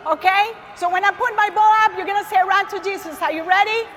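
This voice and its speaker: A Costa Rican woman with a Costa Rican Spanish accent calls out to a large audience from an arena stage, delivering an emphatic faith testimony. Her voice is very high-pitched and fast, with heavy background noise. The recording carries a long hall reverb and faint ambience.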